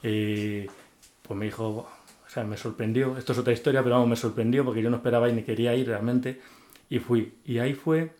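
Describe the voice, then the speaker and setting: A man's voice: medium pitch, fairly even intonation, fairly quick, darkish tone. Earnest man telling his faith story. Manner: earnest and heartfelt, with many restarts and repeated words. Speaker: guest giving a faith testimony. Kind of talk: emotional personal testimony in an interview.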